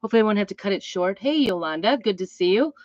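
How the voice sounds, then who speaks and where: A middle-aged woman with a hoarse, weakened voice from a hacking cough, rambling apologetically as she hosts a casual live craft demo. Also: medium pitch, expressive, racing, a little mellow, dry recording, lo-fi sound. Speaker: craft host and crafting product seller.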